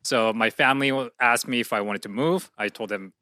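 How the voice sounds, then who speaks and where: A man's voice: mid-range voice, fairly quick, pushed and bright, no echo, clean studio sound. A young man, a guest telling his story thoughtfully in a casual interview, with many fillers and restarts. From South Korea. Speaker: guest, entrepreneur.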